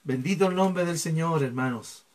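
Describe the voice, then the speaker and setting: A man's voice: fairly high pitch, moderate pace, darkish tone. A man preaching a sermon as pastor, often adding rhetorical tags and building to fervent passages.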